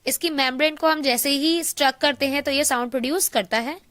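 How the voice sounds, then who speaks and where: A woman with a high-pitched, bright voice teaches an online class. She keeps asking her students a question and then answering it herself. Definitions come out slow and deliberate. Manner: explains in Hindi mixed with English terms, reads English definitions slowly.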